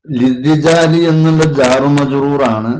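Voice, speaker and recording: A man with a Malayalam accent, working as a religious teacher, slowly explains the grammar of a classical Arabic poem and parses it word by word. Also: medium pitch, a little mellow. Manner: slow, deliberate parsing with Arabic terms. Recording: echoey room with faint noise.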